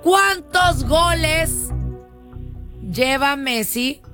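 A woman with a high voice co-hosts a call-in radio show, cheering the caller on and calling her affectionate pet names. Faint music sits behind her. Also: extremely slow. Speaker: radio co-host. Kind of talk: playful radio call-in chat.

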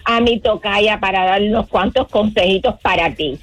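A woman from Cuba calling in to a radio show, tearful and excited, talking in halting bursts. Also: medium pitch. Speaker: radio caller. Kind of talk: emotional phone-in chat.

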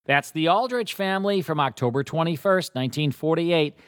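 A man's voice: a little high, fairly quick, over loud music. A man casually presenting old radio programs as host.

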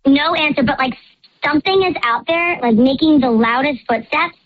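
A woman's voice: high-pitched, moderate pace, no room sound, phone-quality sound. A woman calling in to a radio show to tell a story about a strange guest, with her voice disguised by a voice changer. She talks in a chatty way, filling her sentences with "like". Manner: chatty, fills speech with "like". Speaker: caller confessing a secret on a radio show. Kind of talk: telling a personal story.

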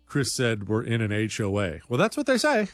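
Blunt, animated talk show host. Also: male voice, medium pitch, moderate pace, dry recording, soft background music. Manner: blunt, combative, rambling asides. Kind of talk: opinionated radio-style monologue.

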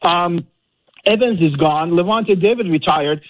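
A man's voice: high-pitched, measured pace, no room sound. A man calling in to a sports radio show over the phone, fired up and complaining. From Florida, USA. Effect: phone caller on a radio show. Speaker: caller. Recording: tinny phone line.

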